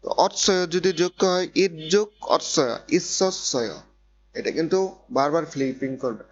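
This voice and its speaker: A man's voice: fairly high pitch, expressive, normal speed. A man teaching a grammar lesson who keeps repeating points and asking if students follow. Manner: repeats points and checks understanding. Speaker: Korean language teacher. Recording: dull lo-fi recording with faint noise and hum.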